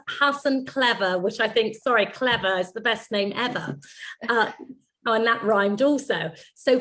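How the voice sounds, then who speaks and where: Woman, slightly high voice, chatty encouraging host, video call. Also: a bit bright. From United Kingdom. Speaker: host of a networking event. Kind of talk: hosting an online panel. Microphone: video call microphone.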